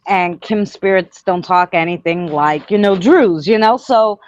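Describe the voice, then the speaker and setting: A woman's voice: fairly low pitch, unhurried, dry recording. A woman with a Queens, New York accent chatting casually as a guest, rambling through retold stories and quoted conversations. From Queens, New York City. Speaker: guest, paranormal spirit communicator. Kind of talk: casual chat. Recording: dull lo-fi close audio.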